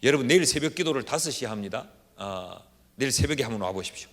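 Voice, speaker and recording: A middle-aged man, a pastor, preaching a revival sermon with folksy storytelling that swings from hushed asides to shouted exhortation, in a large church sanctuary. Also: mid-range voice, lively intonation, quick pace. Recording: reverberant church hall with faint room noise.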